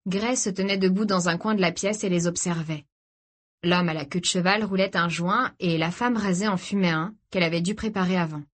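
A woman narrating a novel in a calm, measured reading voice. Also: fairly low pitch. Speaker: audiobook narrator. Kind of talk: scripted narration.

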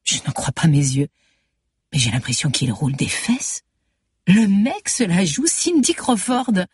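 A woman's voice: low-pitched, darkish tone, slightly rough, no echo, clean studio sound. A woman narrating a first-person novel with a wry, sardonic tone. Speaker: audiobook narrator.

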